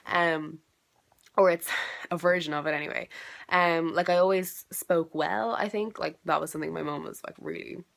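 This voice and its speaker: A young Irish vlogger with a South Dublin accent chats casually from bed at home, congested with a cold, while answering a video challenge. Her voice is gravelly and fairly low, with fairly even intonation and normal speed. She rambles with plenty of "like" and "um" and the odd swear.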